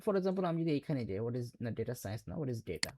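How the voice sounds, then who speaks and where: A man's voice: medium pitch, very animated, fast talker, noisy background. A man teaching a computer class, explaining step by step and quizzing his students with questions. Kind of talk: classroom lecture.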